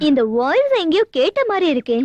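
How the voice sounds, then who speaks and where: A woman's voice: very high-pitched, sing-song, fast, dry recording. An actress playing a mother who scolds and shoos a man out of her house, in a film scene. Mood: suspicious. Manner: sharp, shooing scolding. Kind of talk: comic film acting.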